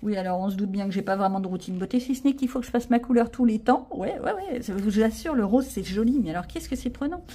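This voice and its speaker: This French-accented vlogger talks fast, with few pauses and lively intonation, as she chats to camera about her sticker and craft haul. Her voice sits on the high side with a dark tone, and she's self-mocking and heavy on fillers.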